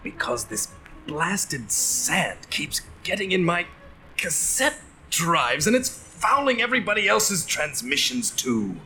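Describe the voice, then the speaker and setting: A man voicing a fawning, whiny robot aide who flatters his master on a 1980s read-along record. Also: on the high side, slow pace, soft background music, exaggerated voice. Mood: servile. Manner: servile, flattering.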